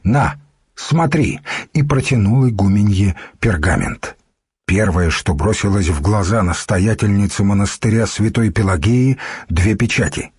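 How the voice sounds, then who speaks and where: Husky man reading an audiobook. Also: on the low side, animated, moderate pace, a little mellow, no room sound, clean studio sound. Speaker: narrator. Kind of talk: audiobook narration.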